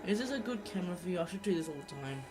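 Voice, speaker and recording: A man's voice: high voice, animated, fast. A young man with a blocked nose giving rambling, self-correcting let's play commentary into a laptop mic. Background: game music.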